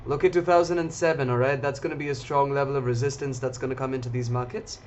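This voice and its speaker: A man hosts a live trading stream, chatting casually about markets and talking straight to his viewers. His mid-range, darkish voice is fairly even in intonation and fast, and the slightly dull lo-fi audio has slight background noise.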